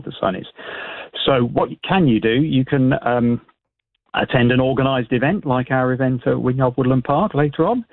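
A British man speaking as an expert guest in a radio interview, explaining informally in a hesitant, halting way with repeated words over a phone line. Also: mid-range voice, no room sound. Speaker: astronomy expert and event organiser, radio guest. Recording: band-limited tinny phone line.

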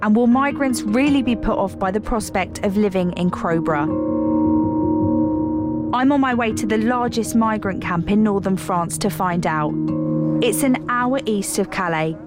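A woman reporter narrating a news report in a measured, clear way. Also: mid-range voice, over loud music.

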